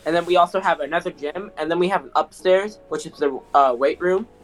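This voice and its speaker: Fairly high-voiced bro-ish young man. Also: fairly quick, soft background music. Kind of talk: casual chat. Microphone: voice chat on Discord.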